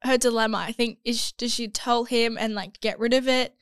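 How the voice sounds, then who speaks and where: A young woman co-hosts a casual podcast, her voice congested from a cold. Her voice is smooth and a little high, and she talks in loose, trailing sentences that she keeps restarting. It is recorded close and dry, with no room sound. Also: fairly even intonation, a little fast, no echo. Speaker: podcast co-host. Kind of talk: casual chat.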